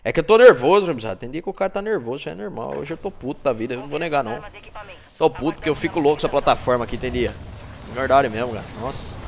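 A man's voice: mid-range voice, lively intonation, fast talker, creaky. A man with a Brazilian Portuguese accent streaming a game live, trash-talking and greeting chat viewers.

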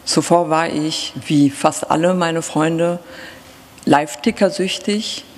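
A middle-aged woman from Germany talks to an audience from a seated stand mic on a theatre stage. She speaks reflectively and haltingly, searching for words with pauses and fillers. Her voice carries a long hall reverb. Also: sits low, steady tone. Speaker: author. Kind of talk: reflective talk before a reading.

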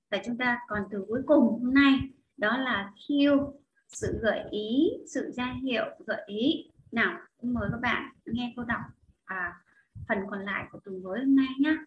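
A woman English teacher with a Vietnamese accent, pitched a little high, working through new words and reading a passage aloud. She models each word twice, slowly. The recording is roomy and muffled, with faint noise behind her. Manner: explains words slowly, models pronunciation with repetitions. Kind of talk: vocabulary lesson and reading aloud. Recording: echoey room, dull lo-fi audio with faint noise.

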